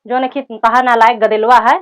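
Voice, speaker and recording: A woman's voice: a little high, level tone, brisk, a bit bright, close to an everyday voice. A woman with an Awadhi accent playing a bitter, complaining young daughter-in-law in a village comedy sketch. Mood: bitter, scolding. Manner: complaining, taunting. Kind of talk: rural comedy sketch acting. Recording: clear background noise, clicks.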